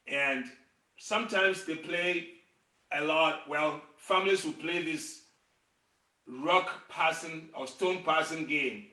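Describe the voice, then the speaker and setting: A middle-aged music and storytelling teacher with a bright, high voice leads children through a singing game lesson, gently and encouragingly guiding call-and-response singing and taking his time over each phrase. On the video call he sounds distant, in a roomy, echoey space picked up by a faraway mic.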